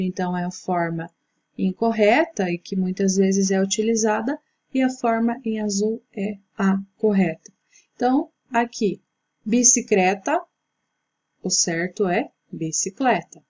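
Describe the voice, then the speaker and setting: A woman teacher giving a recorded grammar lesson, explaining patiently and slowly. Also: mid-range voice, mellow, husky, highs cut off. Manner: slow, patient explaining with slides.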